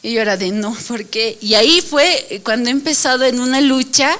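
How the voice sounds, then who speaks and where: A woman's voice: sits high, a little fast. Young woman telling a church testimony. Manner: lively storytelling with laughs and acted-out quotes. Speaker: church speaker and mentor. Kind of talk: personal testimony to a congregation.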